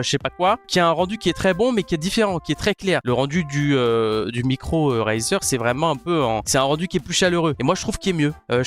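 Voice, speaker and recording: Rapid, foul-mouthed man rambling through a gear review on a headset mic. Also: mid-range voice. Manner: crude, joking, rambling. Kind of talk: casual product review. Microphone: gaming headset mic.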